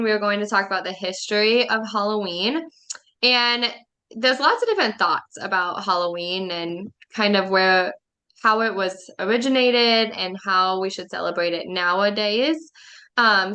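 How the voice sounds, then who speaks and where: A young woman co-hosting a casual podcast who reads article passages aloud and comments on them. Her voice is bright and clear, with a friendly, easygoing manner and the odd stumble over a word. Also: mid-range voice. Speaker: podcast co-host. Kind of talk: casual chat.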